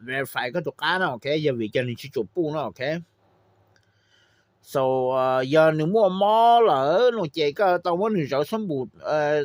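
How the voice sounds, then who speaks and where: A man's voice: a little high, animated, moderate pace, no echo. A man giving a casual spoken lesson on raising birds, switching into English phrases and often checking in with listeners. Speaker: poultry trainer giving advice.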